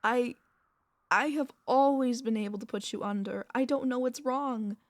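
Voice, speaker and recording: Sounding worried and heartbroken, a woman with a natural, somewhat high voice performs as an anxious, tender, possessive vampire mistress in intimate ASMR audio. Her soft, formal, pleading lines come with dramatic pauses, and there's no echo.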